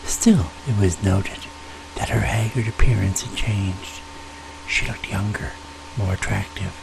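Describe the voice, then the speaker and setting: A man tells ghost stories in a soft, partly whispered ASMR voice with a gravelly creak. He speaks very slowly in a folksy, unhurried way. A noticeable noisy hum sits behind his voice. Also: on the low side, steady tone. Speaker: storyteller, ASMR host.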